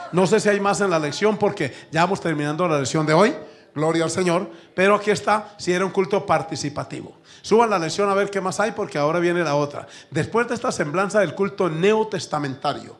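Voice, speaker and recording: A middle-aged man with a Colombian accent preaching a sermon, telling stories with emphatic, animated outbursts. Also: on the high side. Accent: Colombian Spanish. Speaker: pastor. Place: church.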